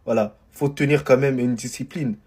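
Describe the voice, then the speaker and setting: A man's voice: mid-range voice, steady tone, moderate pace, darkish tone, slightly rough. A man in an indignant, scornful rant, piling up insults. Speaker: football commentator.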